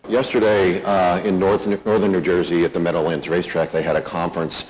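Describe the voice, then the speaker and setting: A man interviewing on stage, asking questions in a halting way with many restarts. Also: low-pitched, flat delivery, darkish tone, rough recording.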